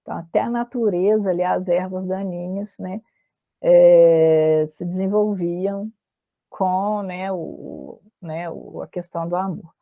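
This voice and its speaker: Lady teaching lit on a call, lowish gravelly voice, sounds like a phone line. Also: dry recording. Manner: frequent filler "né", halting restarts. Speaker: literature teacher. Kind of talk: online literature lecture, reading passages aloud. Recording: dry, tinny phone-like audio.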